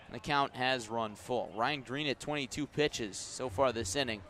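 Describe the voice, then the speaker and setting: A male radio announcer calls live baseball play-by-play with measured, detailed commentary that rises on each pitch. His tone is fairly bright, with a little hiss or hum.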